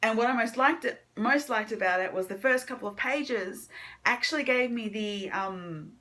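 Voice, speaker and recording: On her video channel, a book reviewer talks through her monthly reading wrap-up in a casual chat to camera, her slightly high voice bright and forceful at a normal speed. Her enthusiasm comes with some hesitation, and she rambles as she goes.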